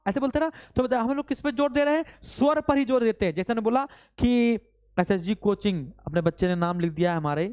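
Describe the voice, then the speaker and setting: A man teaching a live online grammar class, constantly quizzing his students with quick repeated questions and urging them to answer fast. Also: very high-pitched, darkish tone, smooth. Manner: urges students to answer fast, mock-scolding; reads out student names from chat.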